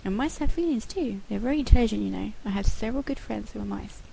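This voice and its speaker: A woman's voice: mid-range voice, fast talker, gravelly, warm tone, a little hiss or hum, low-quality recording. A woman voicing a sly, teasing female cat who talks matter-of-factly, in a storybook reading.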